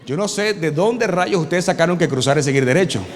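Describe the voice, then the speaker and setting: A man pastor preaching with humor, telling stories in an animated way and sometimes shouting. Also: a little high, a little fast. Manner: animated storytelling, bursts of shouting. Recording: reverberant hall, faint noise.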